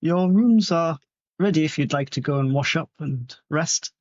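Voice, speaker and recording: A woman's voice: low-pitched, moderate pace, a little mellow, no echo, lo-fi sound, lightly acted. Kirsty, a guarded weary hostess voiced by a man. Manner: curt, guarded, stiffly polite. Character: weary reserved woman in her fifties, a host.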